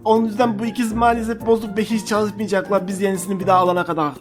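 A woman's voice: mid-range voice, level tone, very fast, soft background music, pitched below the performer's own voice, close to an everyday voice. A woman doing a fussy arcade repairman. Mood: cautious, warning. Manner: polite, warning, earnest. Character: fussy male arcade repairman, cautious, polite.

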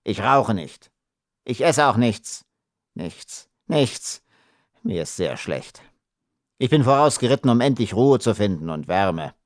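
A man's voice: lowish voice, very animated, slow pace, dry recording, studio quality. A male narrator voicing a tiny, frightened male arms trader who whines and shrieks his complaints in an audiobook. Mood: miserable. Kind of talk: audiobook character voice.

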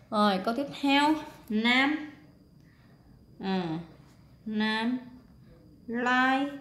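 A woman's voice: a little high, slight background noise. A woman teaching, walking through workbook exercises step by step, drawing out words and stressing syllables, with many fillers. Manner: explains step by step with frequent fillers. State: tired. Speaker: English teacher. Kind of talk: workbook lesson walkthrough.

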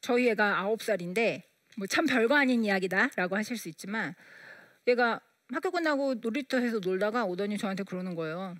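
A woman's voice: mid-range voice, lively intonation, brisk, fairly bright tone, no room sound, clean studio sound. A woman giving a lecture on parenting, telling stories and acting out the dialogue in quoted voices. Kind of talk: storytelling lecture.

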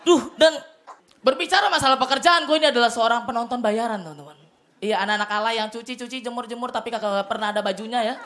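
High-voiced Jakarta man doing loud stand-up. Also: fast talker. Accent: Jakarta colloquial Indonesian. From Tanjung Priok, Jakarta, Indonesia. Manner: loud, excitable, bursts into shouted punchlines. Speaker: stand-up comedian. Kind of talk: stand-up comedy routine. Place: TV studio stage with live audience. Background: audience laughter.

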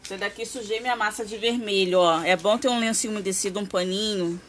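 A woman's voice: medium pitch, fast, a bit bright, a little hiss or hum. A woman hosting a casual craft live stream, chatting with viewers and greeting them by name.

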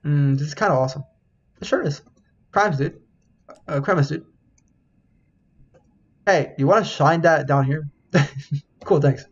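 A man's voice: fairly high pitch, unhurried, long pauses, husky, dull audio. A man casually reading a game's dialogue aloud while he plays, swearing, laughing and yelping when something startles him. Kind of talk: casual let's-play commentary.

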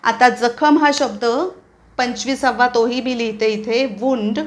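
Marathi lady teaching english words, fairly high voice, spells them out slow and careful. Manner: explains each word plainly. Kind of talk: vocabulary lesson.

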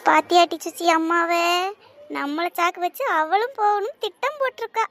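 A woman voicing a sharp-tongued, gossipy teenage sister, grumbling quickly and slyly. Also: extremely high pitch, lively intonation, background noise. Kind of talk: cartoon voice acting.

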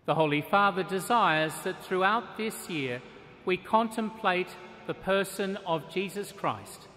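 A middle-aged man gives a measured, solemn sermon, pausing deliberately between phrases. His voice sits slightly high for a man. He speaks into a lectern microphone, and the vast stone cathedral around him carries a long, lingering reverb. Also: animated, sharp tone, slight background noise. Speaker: archbishop preaching.

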